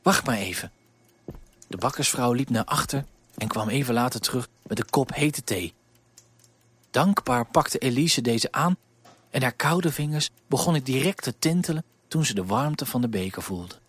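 Husky man reading a storybook. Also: medium pitch, moderate pace, dry recording. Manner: gentle, expressive reading. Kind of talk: storybook read aloud.

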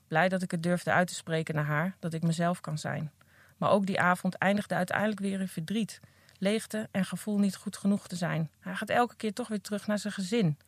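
A woman's voice: on the low side, dry recording. A woman reading aloud from her own memoir in an earnest, candid first-person voice, recorded close on a podcast mic. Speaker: recovering addict reading from her own book.

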